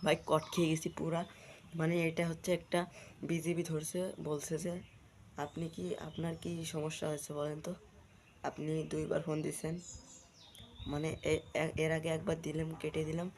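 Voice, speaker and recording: Talking to his audience in a casual vlog, a prank-call video host keeps up a repetitive stream of commentary in a Bangladeshi accent. His fairly high, slightly mellow voice is flat and unhurried, and there's a faint hiss or hum.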